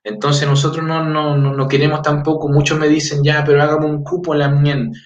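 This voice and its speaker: A Chilean man speaks fairly quickly in a level, fairly high voice, giving a casual lesson in his language where he reads greetings and keeps checking "¿ya?" with listeners, using plenty of fillers. He's an adult whose daughter is four. The recording feels distant, roomy and dull, lo-fi throughout.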